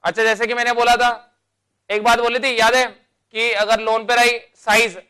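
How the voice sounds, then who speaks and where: A man's voice: very high-pitched, level tone, moderate pace, pushed and bright, clear, resonant tone. A man teaching a chemistry lecture, explaining step by step and answering his own questions as he goes, with terms. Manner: calls students beta and bhai. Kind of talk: classroom lecture.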